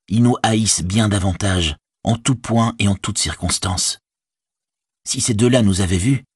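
A man voicing a calm, grave young male hobbit in an audiobook, speaking softly and evenly. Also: fairly low pitch, slightly rough, no room sound, studio quality. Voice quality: soft, measured.

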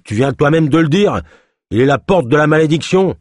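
A man's voice: a little high, expressive, a little fast, dry recording, clean studio sound, voice pushed up. A man voicing a contemptuous male healer who bullies and barks orders. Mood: scornful. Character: scornful male healer, cruel clan bully.

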